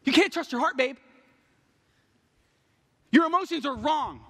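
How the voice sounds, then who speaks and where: A young man preaching a passionate, animated sermon from a church pulpit, acting out what people say. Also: extremely high pitch, a little slow. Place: large church stage at a pulpit. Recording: long reverb of a large hall.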